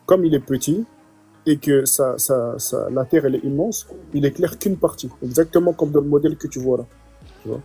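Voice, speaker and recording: A man's voice: on the high side, fairly quick, mellow, breathy edge, faint music behind. A man hosting a casual discussion, patiently explaining and leaning heavily on fillers. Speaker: discussion host.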